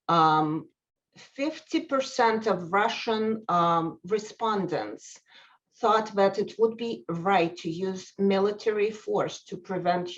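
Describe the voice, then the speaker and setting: Woman speaker at a college event, unhurried and halting, recording a bit muffled. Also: fairly low pitch. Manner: hesitant, many pauses and ums. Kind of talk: prepared talk to an audience.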